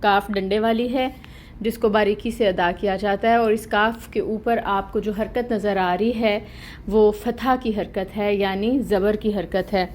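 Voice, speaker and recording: A woman teaching an online Quran recitation lesson, explaining each rule slowly and deliberately and stretching out the recited words. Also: mid-range voice, steady tone, darkish tone, a little hiss or hum.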